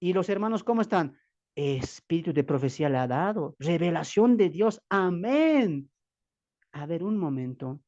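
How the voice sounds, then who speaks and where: Emphatic preacher, dull lo-fi audio. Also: male voice, fairly high pitch, lively intonation, moderate pace, mellow. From Bolivia. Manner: emphatic, full of rhetorical questions; addresses listeners as beloved brothers. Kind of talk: Bible teaching video.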